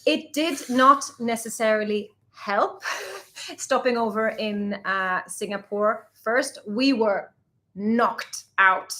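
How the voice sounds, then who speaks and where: A woman's voice: on the high side, slow pace, pushed and bright. A young Swedish woman co-hosting a casual live travel Q&A, chatty and laughing often. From Sweden. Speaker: travel vlogger co-host.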